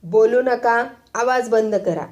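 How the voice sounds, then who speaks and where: A woman voicing a stern, quick-tempered male village schoolteacher who barks orders in rustic speech, in a storybook reading. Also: on the low side, mellow, dull audio, natural voice. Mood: shouting.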